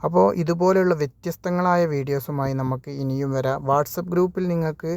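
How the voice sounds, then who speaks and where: A man's voice: fairly high pitch, steady tone, brisk, darkish tone, clear, resonant tone, no echo. A man teaching spoken English online, asking a question, answering it himself, and repeating each word for drilling. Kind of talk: online language lesson.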